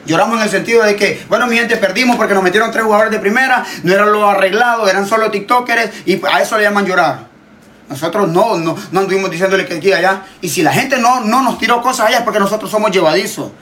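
A man's voice: high voice, fast talker, sharp tone. A Honduran man, a TikTok creator, ranting in casual chat, emphatic and repetitive, swearing freely. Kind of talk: heated casual rant.

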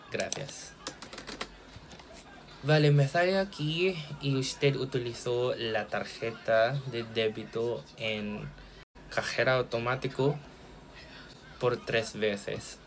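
A man acting as a bank customer service agent on a call, speaking politely and formally with frequent thanks. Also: mid-range voice. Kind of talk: role-played phone support call.

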